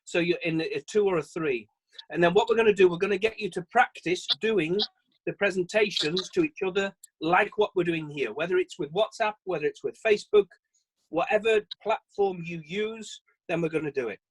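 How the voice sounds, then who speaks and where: Chatty male sales trainer on a video call, bright high voice, self-deprecating. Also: normal speed, slightly rough, poor audio. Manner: chatty, self-deprecating, repeats and restarts phrases. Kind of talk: virtual training session.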